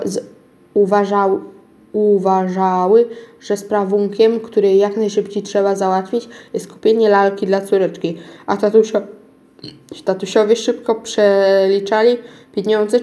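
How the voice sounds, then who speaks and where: A woman's voice: mid-range voice, little pitch movement, unhurried, warm tone. A woman reading a children's story aloud, often stumbling over words and starting them again. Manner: unpolished reading with frequent stumbles and restarts. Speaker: reader of a children's book.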